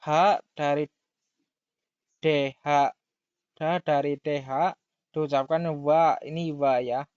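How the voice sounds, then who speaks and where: A man giving a grammar lesson, who talks slowly, repeats key words and reads example sentences aloud. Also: on the high side, level tone, darkish tone, smooth, no room sound. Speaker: language teacher. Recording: dull lo-fi dry sound.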